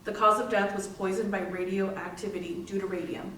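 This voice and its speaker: A community theatre actor with a mid-range, steady, brisk and slightly bright voice gives a lightly acted, solemn readers theater monologue as a grieving sister recounting an exhumation. The mic is distant in an echoey room with faint noise.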